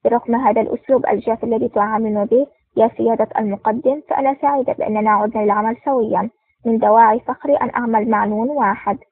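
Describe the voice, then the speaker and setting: A woman's voice: fairly high pitch, fairly even intonation, rapid-fire, no room sound, distant mic. A woman voicing an earnest, polite young female lieutenant in an audiobook. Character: young female lieutenant, eager then embarrassed. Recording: tinny phone-like sound.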